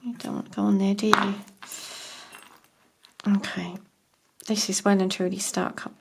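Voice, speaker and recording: A woman's voice: medium pitch, level tone, a little slow, vocal fry, slight background noise. A woman, chatting to herself while she crafts, often half-whispering and chuckling at herself. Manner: self-mocking, chuckling. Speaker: crafting vlogger. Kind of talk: casual talk while crafting.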